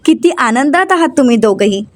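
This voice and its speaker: A woman voicing a bossy middle-aged mother of the house, scolding briskly in a serial recap. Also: high-pitched, expressive.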